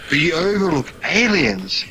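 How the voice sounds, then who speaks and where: A man's voice: fairly high pitch, very animated, normal speed, pushed and bright, slight background noise, poor audio. A man in casual, profane chat in a VR game, ranting and teasing others. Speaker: VR social game player. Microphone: VR headset mic.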